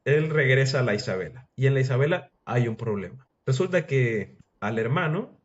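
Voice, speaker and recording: A man retells history in a casual, chatty style, slipping into quoted voices as he goes. His voice sits at an ordinary mid pitch. The sound is dull and lo-fi. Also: animated, moderate pace. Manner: loose, chatty, acts out quotes. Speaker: history storyteller.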